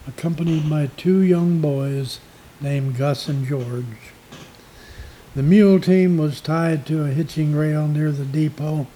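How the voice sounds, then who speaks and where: A man narrating local history as a scripted story in a measured, storytelling way. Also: on the high side, mellow, a little hiss or hum, poor audio.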